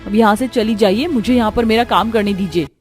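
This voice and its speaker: A woman's voice: medium pitch, fairly quick, soft background music, natural voice. A woman voicing a proud young daughter who works as airline cabin crew in a cartoon story. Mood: scornful. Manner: sharp, scornful scolding.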